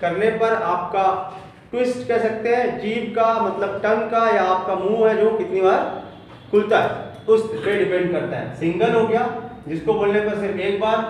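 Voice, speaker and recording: A man teaching a lesson, explaining slowly, repeating terms and spelling words out letter by letter. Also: high-pitched, slight background noise. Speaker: English teacher. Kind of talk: Hindi lesson on English spelling. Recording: very echoey room from far off.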